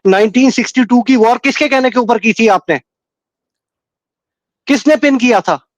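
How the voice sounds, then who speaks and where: A high-voiced man on a dull, dry-sounding call line argues his side on a political panel. He is combative and slips English phrases into his speech. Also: normal speed, no echo. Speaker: remote panel guest.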